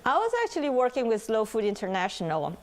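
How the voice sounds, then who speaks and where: Animated woman, laughs between points. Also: on the high side, fast talker. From Brazil. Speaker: film director being interviewed. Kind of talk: casual interview answers. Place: film festival event.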